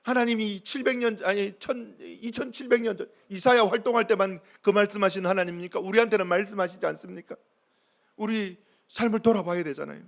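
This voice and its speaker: A man's voice: sits high, brisk, gravelly. A man preaching a sermon as pastor, emphatic and full of questions to the congregation.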